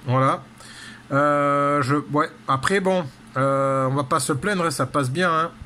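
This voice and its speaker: An amateur radio operator talks casually and technically, hesitating and rambling with lots of repeated tag words. His voice is a little high, pushed and bright, moving a little slowly, with clear background noise.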